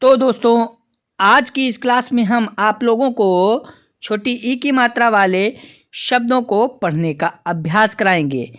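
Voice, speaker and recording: A woman teaching a beginners' reading lesson, spelling out words slowly syllable by syllable as the channel's teacher. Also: a little high. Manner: slow, careful, spells out sounds syllable by syllable.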